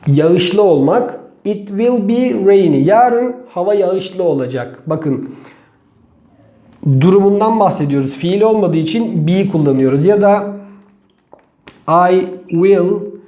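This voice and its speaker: A native Turkish-speaking man teaches English grammar at a slow, deliberate pace, breaking example sentences apart word by word. His voice sits high but sounds mellow and soft-edged. The recording rings with the echo of a bare room. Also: expressive. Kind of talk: online grammar lesson.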